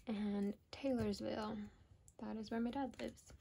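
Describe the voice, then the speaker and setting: American woman, higher-pitched voice, casual rambling planner chat, self-deprecating, unhurried delivery, faint background noise. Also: fairly even intonation, creaky, mellow. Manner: informal, self-deprecating, trails off mid-thought. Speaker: planner vlogger.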